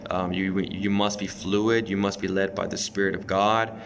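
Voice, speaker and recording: A man's voice: low-pitched, little pitch movement, moderate pace, gravelly, background noise. A man in his thirties giving an informal sermon to camera from a small bedroom, earnest and exhorting, with many restarts and fillers. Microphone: phone or webcam close up.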